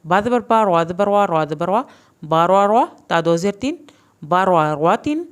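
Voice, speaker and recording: Smooth low-voiced woman teaching. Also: animated. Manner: spells out syllables slowly and deliberately, then blends them; explains rules in quicker, plain teacherly asides. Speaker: Quran reading teacher. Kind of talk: recorded online lesson.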